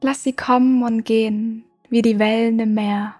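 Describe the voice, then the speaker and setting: A woman hosting a meditation podcast, guiding the listener in a soft, slow, soothing way with long pauses. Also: a little high, level tone. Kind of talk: guided meditation. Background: music.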